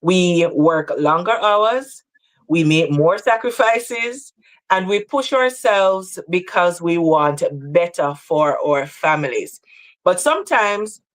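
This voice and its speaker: A woman from Jamaica hosting a livestream talk, speaking in an earnest, measured way. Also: low voice. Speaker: host.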